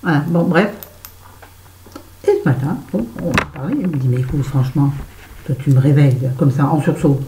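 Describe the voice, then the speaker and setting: A woman's voice: deep voice, moderate pace, long pauses, dark tone, echoey room, slight background noise, poor audio. A woman telling a story to her viewers in a casual vlog while doing her make-up, chatty and swearing freely. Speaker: vlogger. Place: bedroom at home.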